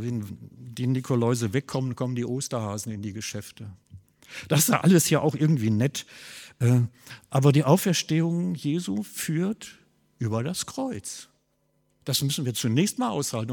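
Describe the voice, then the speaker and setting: A man preaching a sermon, swinging between loud emphasis and quiet low asides. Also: animated, normal speed, gravelly, husky, big-room sound. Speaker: pastor.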